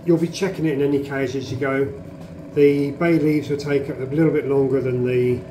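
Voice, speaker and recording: A man's voice: mid-range voice, little pitch movement, moderate pace, dark tone, reverberant, a little hiss or hum. A man giving plain, practical, chatty instructions on drying garden herbs at home. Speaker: gardener showing how to dry herbs. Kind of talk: casual how-to demonstration. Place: home kitchen, indoors.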